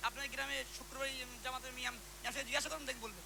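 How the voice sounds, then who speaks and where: A man preaches a story to a live crowd in a very high, bright, piercing voice. He talks fast and animated and keeps calling on listeners to respond. A faint hum sits under him. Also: creaky, rough recording. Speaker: ghazal singer and preacher. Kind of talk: storytelling religious talk to a live audience.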